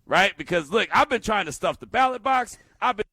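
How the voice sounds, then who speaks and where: Lively high-voiced radio sports host. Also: male voice, fairly quick, background noise. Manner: animated, laughing, storytelling. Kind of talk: energetic sports radio talk. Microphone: studio microphone.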